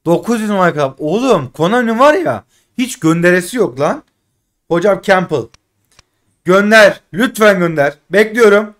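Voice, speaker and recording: Man, high voice, gaming commentary, frustrated, pleading, loud outbursts and muttering. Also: expressive, moderate pace. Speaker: gaming streamer. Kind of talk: casual live commentary while opening game packs.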